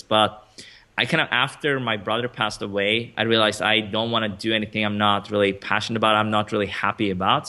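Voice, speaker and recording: A man's voice: fairly low pitch, bright, forceful tone. A man in his thirties from Sweden, a guest on a video call interview, talking casually with lots of fillers and restarts. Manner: chatty, many fillers and restarts, laughs often.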